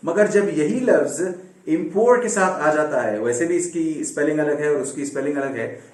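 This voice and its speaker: A man with a fairly high voice teaches pronunciation, patiently saying each word again and again at a slow pace. He sits some way from the mic, and the room around him rings with echo. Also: darkish tone, far from the mic. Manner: patient, repeats words slowly to demonstrate. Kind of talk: classroom lesson. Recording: echoey room, speaking away from the mic.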